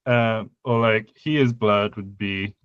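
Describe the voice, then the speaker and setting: His voice sits on the low side, clear and resonant, with fairly even intonation and a slow pace. The young man co-hosts a casual conlang design podcast, thinking aloud with lots of fillers and restarts; the recording is dry and dull.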